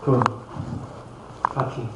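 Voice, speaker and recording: A man at a church service, casually introducing the guest missionary and leading applause. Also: slow pace. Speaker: church worship leader introducing speaker. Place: church sanctuary. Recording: very echoey church hall, noise.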